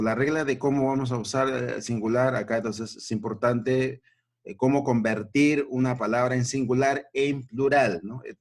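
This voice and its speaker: Speaking at a medium pitch, a man takes children through a grammar lesson, going over each point again and asking brief questions to check their understanding.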